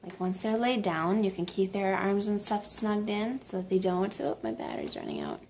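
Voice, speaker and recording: A woman's voice: mid-range voice, big pitch swings, normal speed, darkish tone, a little hiss or hum. A young adult woman, a mom vlogger, chatting in an upbeat, instructive way and giving parenting tips. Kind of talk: casual vlog chat and parenting tips.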